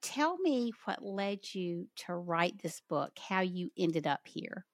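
A woman's voice: on the low side, sing-song, takes it slowly, no room sound, clean studio sound. Southern woman hosting an encouraging interview. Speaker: podcast host. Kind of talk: interview conversation.

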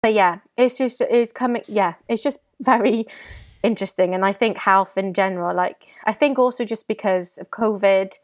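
A woman, talking candidly as an interview guest, halting and full of restarts, tearful at times. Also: mid-range voice, dry recording.

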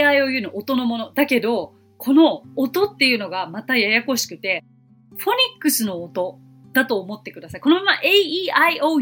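Lively bright-voiced woman teaching English. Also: fairly high pitch. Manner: lively explaining, slowing down on examples. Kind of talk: podcast lesson.

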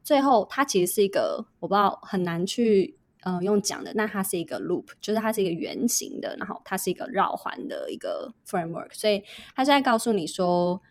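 Woman guest on a podcast talking thru ideas, mid pitch, dry mic. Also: a little mellow, no echo. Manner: explains step by step, thinking aloud. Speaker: guest, brand manager. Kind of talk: casual podcast interview.

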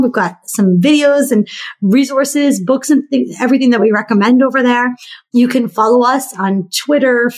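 A woman guest on a podcast interview, speaking in a heartfelt, affirming, casual way. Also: on the high side.

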